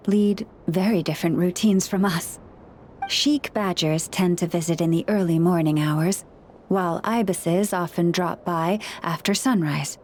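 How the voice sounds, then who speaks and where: In a video game, a woman plays a gentle young Moon Chanter who counsels people and animals with calm, measured, earnest care. Her natural voice sits on the low side, with a little hiss or hum in the recording.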